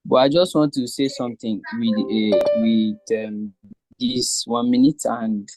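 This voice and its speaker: A man speaking on an online group call whose audio keeps cutting and stuttering as the connection breaks up. He talks haltingly, with fillers. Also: lowish voice, over music, low-quality recording. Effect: choppy, breaking-up internet call audio. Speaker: participant in an online meeting. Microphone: remote online call.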